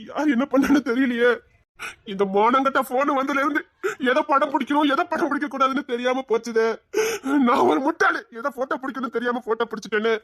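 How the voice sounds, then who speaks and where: A frantic young man, begging and wailing to be believed, speaking with a Tirunelveli Tamil accent , as a woman acts him out. The voice sits fairly high and the recording is dry and close. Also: dry recording. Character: panicked young male boyfriend, pleading and guilt-ridden.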